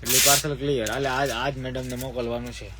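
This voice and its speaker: A man's voice: medium pitch, flat delivery, fast, over a noisy crowd. A man who runs a shop and hosts a live sale from the air-conditioned shop floor. He sounds sleepy and chats with viewers, breaking off to give his staff orders. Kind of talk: live-stream sales talk.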